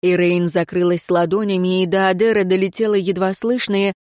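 A woman narrating a fantasy novel in a measured, even reading. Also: fairly low pitch, no room sound, clean studio sound. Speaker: audiobook reader. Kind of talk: scripted narration.

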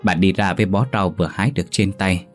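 A man narrating a ghost story in a steady storytelling manner. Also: deep voice, fast, soft background music.

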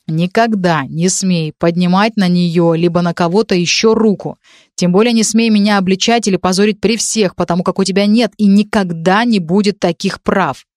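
A woman's voice: mid-range voice, fairly even intonation, moderate pace, darkish tone, no echo, studio quality, close to an everyday voice. A woman reading the lines of a stern young man who speaks in hard, clipped commands in a storybook.

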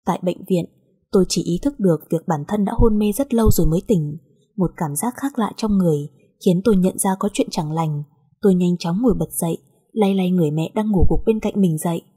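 A woman narrating a dramatic first-person audio story in a soft, emotional way. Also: on the low side, fairly quick, husky.

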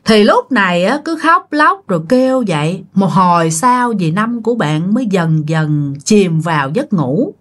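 A woman's voice: mid-range voice, lively intonation, unhurried, hardly any pauses. A woman narrating a ghost story in a chatty way, talking straight to her listeners. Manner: chatty, addresses listeners directly.

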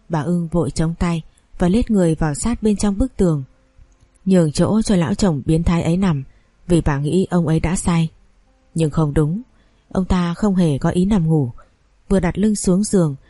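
Woman reading a story aloud, low mellow voice, steady pace, dry close sound. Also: no echo. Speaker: narrator. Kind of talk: scripted audiobook narration.

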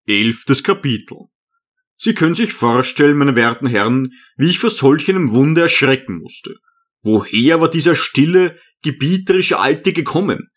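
A man narrating an audiobook as a first-person storyteller, measured and earnest. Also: on the high side, expressive, fairly bright tone.

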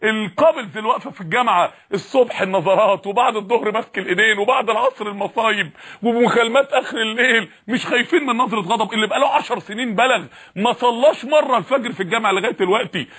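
A man's voice: high voice, very fast, pushed and bright, breathy edge. A man with an Egyptian accent preaching a sermon, fiery and full of repeated rhetorical questions.

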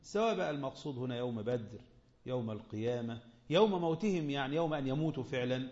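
A man with an Egyptian Arabic accent giving a Quran commentary lesson, quizzing his listeners and slowing down to recite verses. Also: medium pitch, lively intonation, darkish tone. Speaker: religious teacher. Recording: echoey, dull lo-fi room recording.

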